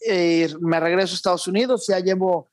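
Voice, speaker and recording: A man, a guest in an interview, speaking in a reflective, measured way with some restarts. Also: high voice, steady tone, no echo, studio quality. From born in Argentina, raised in Mexico. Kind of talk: conversational interview.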